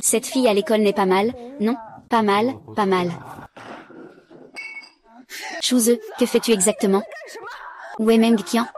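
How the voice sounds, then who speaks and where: A woman reading all the parts of a dubbed drama recap in one flat, even voice. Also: fairly high pitch, moderate pace.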